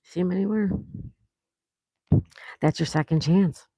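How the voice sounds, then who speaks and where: A woman's voice: on the low side, unhurried, warm tone, slightly rough, dry recording. An older woman hosting a casual livestream, chatty, reading viewer comments aloud and laughing often. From South Florida, USA. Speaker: livestream host reading chat. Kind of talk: casual live-stream chat.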